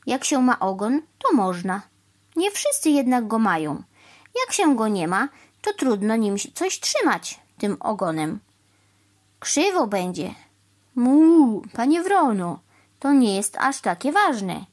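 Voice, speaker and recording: A woman's voice: a little high, slow pace, exaggerated voice. A woman playing a cheerful, stubborn mother cow. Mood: unbothered. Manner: calm, matter-of-fact, unbothered. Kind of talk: storybook reading.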